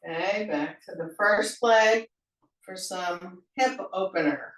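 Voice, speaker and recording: A woman guides a senior yoga class at an unhurried, very slow pace, calm and gentle in her cues. Her voice sounds roomy and echoey. She is some distance from the mic. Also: mid-range voice. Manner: slow, gentle cueing with playful laughter exercises. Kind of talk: guided exercise class instruction.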